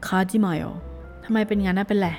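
A woman with a mellow, relaxed tone leads a language lesson, drawing each phrase out one syllable at a time before repeating it smoothly at full speed. Her delivery is cheerful and encouraging. Soft music plays faintly underneath her. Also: mid-range voice, fast talker. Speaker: Korean language teacher. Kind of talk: language lesson, reading phrases slowly then fast.

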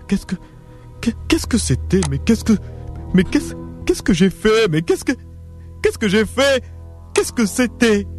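A man's voice: mid-range voice, natural voice. A man playing a rich, pushy, boastful man in a radio drama who stammers and gives orders, with faint music behind. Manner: stammering, bossy, laughs at his own words.

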